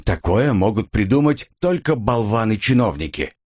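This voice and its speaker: A man voicing a calm, contemptuous aristocratic brother. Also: lowish voice, normal speed, voice pushed up. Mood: disdainful. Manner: coolly disdainful.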